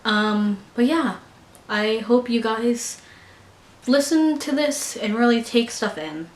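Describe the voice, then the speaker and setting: Her voice is fairly high and slow as she, a young woman from the US, speaks sincerely to camera for a personal vlog. She stumbles now and then, restarting sentences and using plenty of fillers, and the room has an echo.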